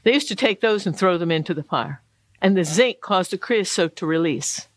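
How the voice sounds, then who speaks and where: A woman's voice: on the low side, expressive, normal speed. A woman hosting a casual interview, chatty and encouraging toward her guest. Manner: chatty, encouraging, lots of backchannel. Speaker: show host.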